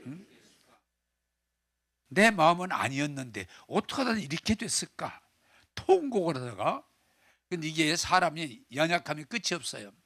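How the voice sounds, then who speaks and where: A middle-aged man preaching with a bright, forceful tone, pitched a little high for a man. He tells the story with animation and acts out the dialogue. The sound is close and dry. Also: very animated, normal speed, pauses often, no echo. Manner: asks the congregation questions and leads them in repeating. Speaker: pastor. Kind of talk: sermon.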